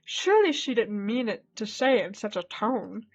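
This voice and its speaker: A woman's voice: on the high side, normal speed, lo-fi sound. A woman streamer reading a dating game's text aloud and reacting with laughing asides. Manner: animated, laughing asides between read lines.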